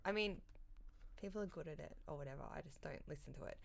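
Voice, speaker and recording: A comedian in her thirties from Sydney, speaking with an Australian accent, chats casually in an interview, poking fun at herself and laughing at her own jokes. She sits in an armchair on a dark studio set, talking into a studio condenser mic on a stand, her voice low, fast and creaky.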